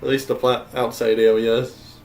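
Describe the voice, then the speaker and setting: A man's voice: medium pitch, little pitch movement, unhurried, darkish tone, faint music behind. A young man giving casual gameplay commentary, rambling and correcting himself, often laughing. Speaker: game streamer.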